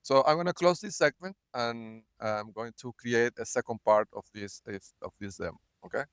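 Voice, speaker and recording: A man recording a rambling personal video log, halting often, filling gaps with "uh" and "right?", and breaking into short laughs. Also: mid-range voice, clear, resonant tone, no room sound. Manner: halting, many fillers and repeated "right?"; laughs between words. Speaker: vlogger.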